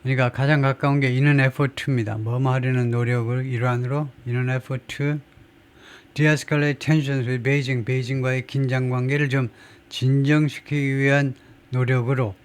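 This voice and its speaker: A man's voice: medium pitch, flat delivery, moderate pace. Korean man teaching English grammar. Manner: explains patiently, asks rhetorical questions, repeats key points. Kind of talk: lecture explaining English grammar from a newspaper.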